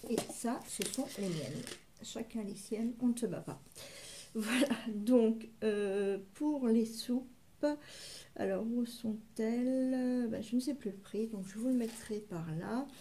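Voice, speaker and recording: A woman's voice: a little high, slow, mellow. A woman casually presenting her shopping haul, hesitant and full of fillers as she describes each item step by step. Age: adult parent.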